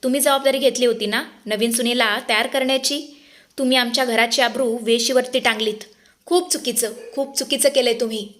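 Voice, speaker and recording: A woman's voice: a little high, fairly even intonation, a little fast, lightly acted. Woman voicing an angry, reproachful young man in a story retelling. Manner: shouting, reproachful. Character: angry young husband shouting at family.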